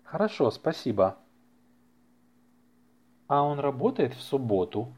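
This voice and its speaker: This language teacher and podcast host speaks in a very animated, somewhat slow mid-range voice with a darkish tone. He reads practice dialogues clearly and repeats phrases so learners can follow, on a lo-fi, slightly muffled recording.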